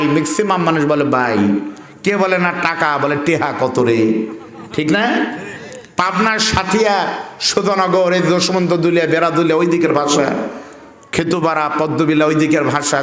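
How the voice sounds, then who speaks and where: Fervent preacher from Bogura, Bengali regional accent, ringing echo. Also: male voice, high voice, a bit bright. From Bogura, Bangladesh. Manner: fervent, drops into quoted dialogue and rural dialect. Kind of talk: open-air sermon. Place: large outdoor religious gathering. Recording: echoey outdoor PA with long reverb.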